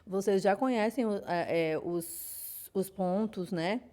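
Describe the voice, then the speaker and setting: A woman's voice: mid-range voice, takes it slowly, mellow. A woman with a Brazilian Portuguese accent teaching a class, explaining patiently with frequent fillers and restarts. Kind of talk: online class lecture.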